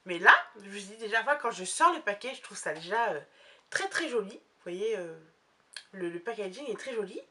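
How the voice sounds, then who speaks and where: A woman's voice: medium pitch, expressive, fairly quick, bright, forceful tone. A young woman talking casually through a makeup haul, rambling with many fillers and restarts. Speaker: beauty vlogger.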